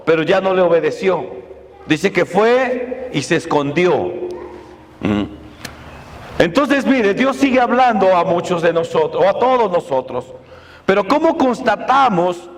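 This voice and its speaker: A man preaching a sermon as pastor, often asking the congregation rhetorical questions. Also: sits high. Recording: long reverb of a church hall.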